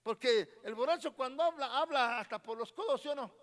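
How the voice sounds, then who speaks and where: A man's voice: very high voice, fairly quick, fairly bright tone, in a large hall. A man with a Mexican Spanish accent preaching a sermon as pastor, constantly questioning his congregation and repeating his words. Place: church hall.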